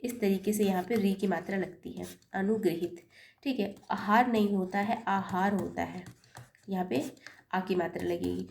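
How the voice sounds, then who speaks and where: Mellow-voiced woman teaching a lesson. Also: medium pitch, fairly even intonation, normal speed, creaky. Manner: patient, spells out corrections step by step; self-correcting, apologizes for slips. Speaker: Hindi teacher. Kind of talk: exam-prep lesson.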